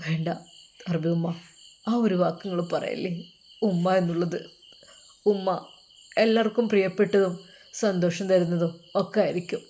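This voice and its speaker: A woman voicing a heartbroken young man who speaks in a hushed, halting, sorrowful way. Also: fairly low pitch, fairly even intonation, close to an everyday voice.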